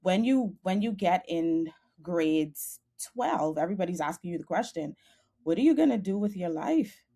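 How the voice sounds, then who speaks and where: Bahamian woman, young adult, low voice, earnest and passionate guest on a video call. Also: expressive, normal speed, mellow, breathy edge. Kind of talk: podcast interview.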